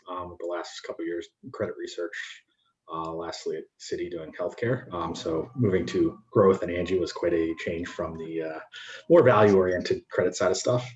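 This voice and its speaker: A low-voiced man gives a brisk, matter-of-fact introduction as a podcast guest. The audio is dull and lo-fi. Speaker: podcast guest, business student. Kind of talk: casual interview talk.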